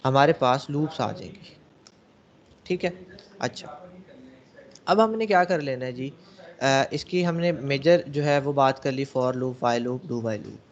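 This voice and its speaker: A man's voice: mid-range voice, takes it slowly, pauses often. Man teaching a class in a dull recording. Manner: explains step by step, asking the class questions and answering them himself. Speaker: programming teacher. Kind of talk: classroom lecture. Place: classroom with students.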